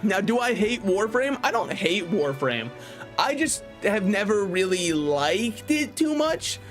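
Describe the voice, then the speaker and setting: A man's voice: high-pitched, big pitch swings, a little slow, a bit bright, faint music behind. A man giving casual, opinionated live-stream commentary on games, conversational and joking. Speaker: game streamer.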